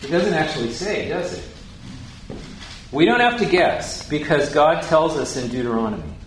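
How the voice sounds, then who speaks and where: Speaking a little high with lively intonation and a moderate pace, a man gives a conversational Bible lesson, questioning his audience and putting scripture into casual language. Slight background noise and faint ambience fill a very echoey room.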